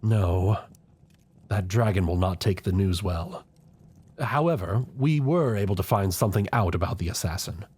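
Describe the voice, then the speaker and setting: Playing an aging chancellor in a fantasy royal court for an audio roleplay, a man speaks in a low, somewhat rough voice with a darkish tone. His courtly speech is formal, deferential, and measured, grave and loyal to the crown yet touched with scheming.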